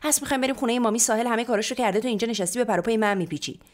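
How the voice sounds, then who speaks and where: A woman reading as an angry nagging mother, loud, quick, storybook scolding. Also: animated, lightly acted. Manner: shrill, fast, nagging. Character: scolding, short-tempered middle-aged mother.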